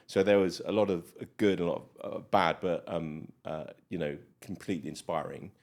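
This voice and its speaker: A man with a very deep voice and a British accent talks through his story at a relaxed clip. He chats casually as a guest, filling pauses with ums and uhs. He sounds middle-aged. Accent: British English. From Malawi. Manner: chatty, many fillers, rambling. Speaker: guest doctor. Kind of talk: casual interview chat.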